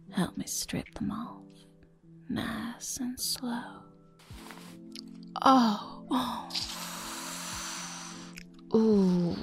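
A woman with a medium-pitched voice plays a flirty, teasing adult server in an intimate audio roleplay. She speaks in a breathy whisper full of endearments.

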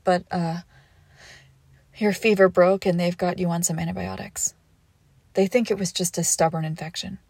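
A young woman playing a devoted girlfriend who nurses her sick partner, coaxing and protective, often dropping to a hush. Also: on the low side, steady tone, moderate pace, gravelly, long pauses, slightly rough, no room sound. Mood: tender. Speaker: audio roleplay performer. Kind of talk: audio roleplay addressed to the listener.

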